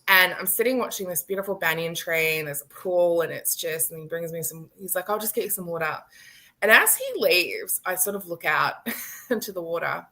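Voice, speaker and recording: Bright-voiced woman telling a lively story. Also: lowish voice, fairly quick. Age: late 30s. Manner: animated storyteller, laughing often, acting out quotes. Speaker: guest. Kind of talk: storytelling in a live-stream chat. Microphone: video call.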